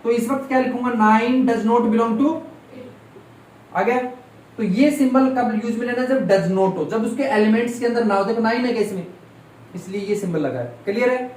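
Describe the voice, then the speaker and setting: A man's voice: extremely high pitch, brisk, a little mellow. Man teaching in an echoey classroom. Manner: keeps quizzing the class, repeating key terms. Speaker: maths teacher. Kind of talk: classroom lesson with call-and-response questions. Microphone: distant room mic. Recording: echoey room, voice from far off, faint noise.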